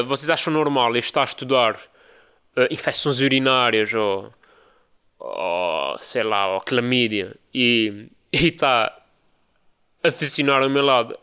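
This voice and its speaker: A young man with a European Portuguese accent, hosting a podcast and telling a story casually, mimicking people he describes. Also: smooth. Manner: animated storytelling, mimics others in high voices. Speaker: podcast host.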